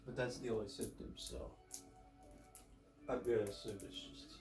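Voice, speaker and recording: A man's voice: fairly low pitch, steady tone, moderate pace, a little mellow, faint music behind. Stuffed-up man rambling in an echoey room. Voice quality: congested, stuffed-up nose. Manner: rambling, self-correcting, thinking aloud. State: has a cold with a stuffed, runny nose. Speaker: vlogger with a YouTube channel. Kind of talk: casual vlog chat.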